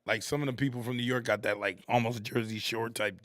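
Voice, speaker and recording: A man's voice: medium pitch, steady tone, fast talker, fairly bright tone. A man from Connecticut co-hosting a casual podcast, rambling and teasing, often repeating his words before his point comes out. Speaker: podcast co-host. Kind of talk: casual chat.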